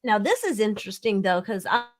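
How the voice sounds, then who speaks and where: A woman's voice: medium pitch, very animated, fairly quick, dry recording, studio quality. A woman co-hosting a casual gossip livestream on a video call, her speech breaking up as her internet connection drops. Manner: chatty, with mocking put-on quotes. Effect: audio cutting out from a bad internet connection. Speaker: livestream co-host.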